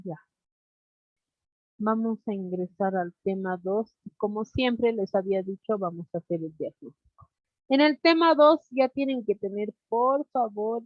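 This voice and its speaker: A woman teaching an online class over a video call, deliberate, constantly checking in with her students. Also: medium pitch, no echo. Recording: dull lo-fi online class audio.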